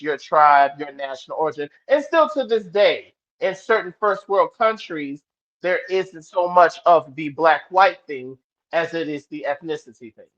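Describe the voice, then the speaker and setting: A man from New Orleans, US, with a fairly high, slightly bright voice talks in a casual discussion, using blunt, profane emphasis. He frequently stops and restarts sentences, and the sound is somewhat dull and lo-fi.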